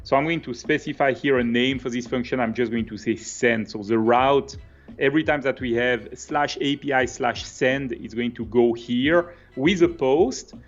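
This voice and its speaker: On a live stream, a middle-aged native French speaker from Switzerland with a Swiss French accent co-hosts and calmly, conversationally walks through code one step at a time. He talks at normal speed with a medium pitch from an indoor home office, and the webcam video call audio sounds dull.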